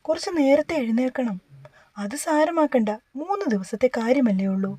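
A woman's voice: high voice, lively intonation, moderate pace, warm tone, breathy edge, no room sound, studio quality. A woman voicing a short-tempered but caring young husband who scolds and then coaxes. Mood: coaxing.

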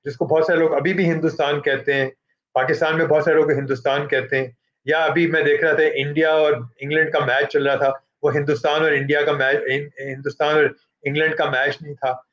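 A middle-aged man from Pakistan, moderating a book launch and introducing an author, speaking haltingly with frequent fillers and switches into English. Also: a little high, flat delivery, fairly bright tone, highs cut off.

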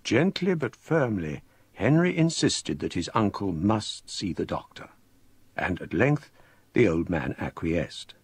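An actor playing a grave English gentleman narrating a ghost story for radio, literary and deliberate. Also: deep voice, big pitch swings, husky, no room sound, exaggerated voice. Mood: reflective. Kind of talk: dramatic scripted narration.

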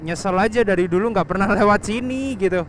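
Young guy motovlogging on his bike, a bit high voiced, chatty, faint wind and traffic behind. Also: brisk. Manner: chatty, laughs often, talks about himself in third person. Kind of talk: casual riding commentary. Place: on a motorcycle on an open road outdoors.

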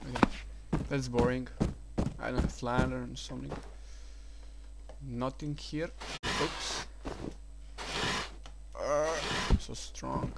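A man commentating a horror game, mumbling asides to himself and breaking into startled, swearing shouts. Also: mid-range voice, fairly even intonation, takes it slowly, vocal fry, pauses often, very noisy. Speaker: let's play gamer. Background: loud game music.

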